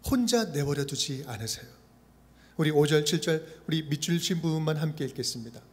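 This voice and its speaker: A male pastor preaching a sermon in an expressive style. He repeats phrases in a steady rhythm and acts out the quotes he cites. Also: a little high, brisk. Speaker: senior pastor. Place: church sanctuary. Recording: reverberant church livestream.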